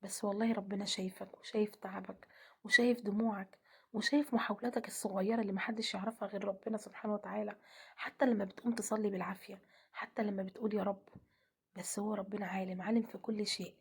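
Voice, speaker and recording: A woman with an Egyptian accent giving a gentle devotional talk, often dropping to a half-whisper. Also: medium pitch, flat delivery, fast, gravelly, slightly rough. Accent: Egyptian Arabic. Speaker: religious speaker.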